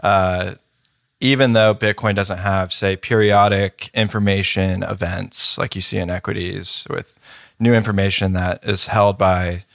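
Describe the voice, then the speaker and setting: A man co-hosting a podcast, asking long measured questions with hesitant fillers. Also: sits low, flat delivery, gravelly, a bit bright, no room sound, clean studio sound. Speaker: podcast co-host. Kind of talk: interview questions.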